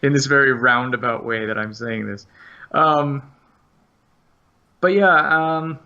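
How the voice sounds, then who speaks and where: A man from Florida, a game designer, speaking as a podcast guest in a measured, roundabout way. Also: medium pitch, bright, forceful tone, muffled recording. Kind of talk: casual podcast interview.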